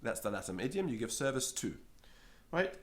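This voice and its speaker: A man with a mid-range, sing-song voice teaches a slow spoken Latin lesson at normal speed. He says each Latin word, repeats it, then explains it in English, acting out little scenes in a raised voice.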